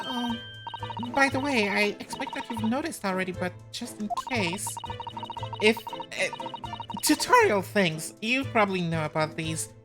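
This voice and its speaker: A woman hosts a voice-acted video game session in casual chat. Her pitch is lively and varied, her pace unhurried. Music plays clearly behind her. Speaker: host of a game dubbing series.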